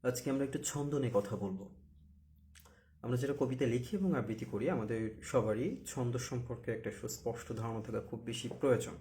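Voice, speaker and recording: A man's voice: medium pitch, a little fast, dark tone, slight background noise. A man teaching a recitation lesson, explaining patiently step by step and drawing out syllables one at a time as he counts them. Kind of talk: spoken tutorial lesson.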